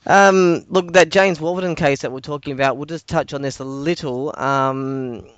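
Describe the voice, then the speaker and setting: An Australian man hosting a casual discussion, speaking haltingly and repeating words as he goes. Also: fairly high pitch, a bit bright, dry recording, lo-fi sound. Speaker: podcast host.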